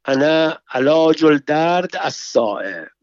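A man voicing an insistent woman healer who speaks slow, coaxing broken Arabic in a read-aloud story. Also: on the high side, expressive, no room sound, lo-fi sound, close to an everyday voice.

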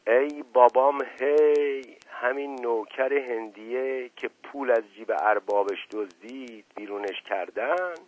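A man voicing a folksy old male servant with a slow, drawling, homespun way of talking. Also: medium pitch, close to an everyday voice. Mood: wondering. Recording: tinny phone-like, dry.

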